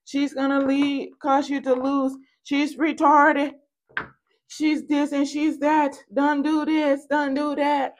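This tarot reader and channel host has a high voice, a flat delivery, and a slow pace. Seated indoors at a card table, she runs a casual reading in a playful, storytelling manner full of slangy terms of endearment.

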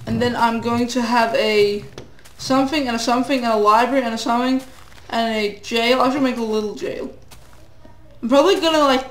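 A teenage boy with a cold plays a game and keeps up a rambling, self-deprecating commentary, slipping into sing-song asides. His voice is very high and getting hoarse, and the recording sounds reverberant.

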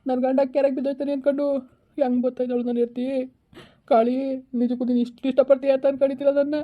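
A woman's voice: high-pitched, little pitch movement, racing, narrow, tinny audio, natural voice. A woman playing a lazy village husband who fawns over and pleads with his wife, in a comedy skit. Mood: fawning. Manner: fawning then pleading.

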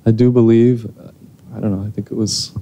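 A man's voice: fairly low pitch, fairly even intonation, brisk, dark tone, a little hiss or hum. A man in his thirties answering audience questions after a screening, speaking into a handheld mic on a theater stage, thoughtful and hesitant with many restarts. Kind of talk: post-screening Q&A.

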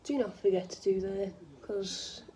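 Sitting in a room at home, a young northwest English woman does her makeup and chats to camera in a rambling, self-deprecating vlog. Her mid-range voice is mellow and unhurried. The audio is poor, captured by a phone propped close in front.

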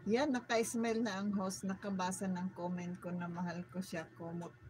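A woman's voice: fairly low pitch, level tone, normal speed, darkish tone, a little hiss or hum, poor audio. A middle-aged Filipino woman hosting a live stream, chatting playfully with viewers, laughing often and mixing Tagalog and English. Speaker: livestream host. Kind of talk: live stream chat reading viewer comments.

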